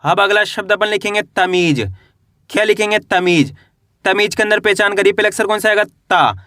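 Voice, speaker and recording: Bright high-voiced Hindi teacher spelling words. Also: male voice, steady tone, no echo, studio quality. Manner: slow syllable-by-syllable spelling with repeated questions; addresses viewers as friends. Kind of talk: Hindi reading lesson for beginners.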